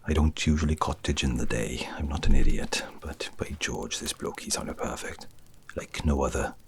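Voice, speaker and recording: A man playing a sardonic, menacing retired spy in a brooding, whispered role-play monologue. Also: very deep voice. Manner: hushed, brooding monologue, drawn-out phrases. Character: sardonic, menacing retired British spy musing on his secrets.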